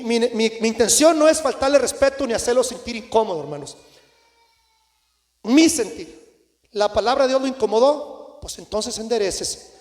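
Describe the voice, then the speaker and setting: High voiced preacher guy, fired up sermon in a church, big echo around him. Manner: impassioned, swings between shouts and low asides, addresses "hermanos" often. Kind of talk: Pentecostal sermon. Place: church sanctuary. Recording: echoey church hall.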